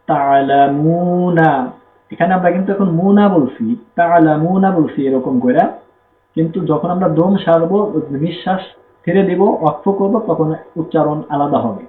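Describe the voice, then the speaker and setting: A man teaching Quran reading, with a Bangladeshi Bengali accent, spelling out letters and vowel marks and blending them slowly into syllables. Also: on the high side, a little hiss or hum. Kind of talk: slow spelling-out recitation lesson. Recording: echoey room, tinny phone-like sound.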